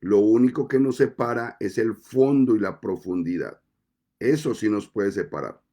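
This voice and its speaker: A man preaching a sermon as pastor, speaking deliberately with measured pauses between phrases. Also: fairly low pitch, mellow.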